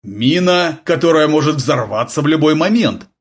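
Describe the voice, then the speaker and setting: A man's voice: a little high, lively intonation, moderate pace, pitched above the performer's own voice, natural voice. A man voicing a stern, tense naval senior lieutenant who gives curt, commanding orders in an audiobook. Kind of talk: audiobook character voice.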